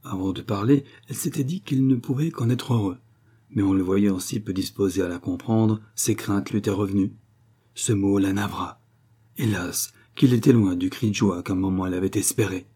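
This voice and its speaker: A man narrating a classic novel in a measured, unhurried reading. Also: fairly low pitch, mellow, husky. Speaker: audiobook reader. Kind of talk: literary audiobook narration.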